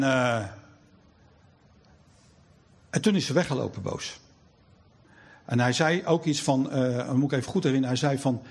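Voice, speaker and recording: A man's voice: mid-range voice, darkish tone, husky. A middle-aged man giving a sermon, telling stories in a conversational way with frequent hesitations. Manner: storytelling, conversational with many hesitations. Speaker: preacher.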